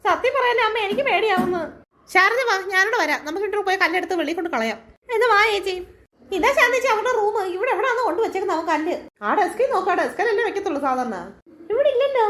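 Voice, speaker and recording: A woman voicing an excitable, easily frightened mother in a cartoon. She exclaims in shrill, rapid bursts. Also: slight background noise. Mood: panicked. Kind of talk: cartoon voice acting.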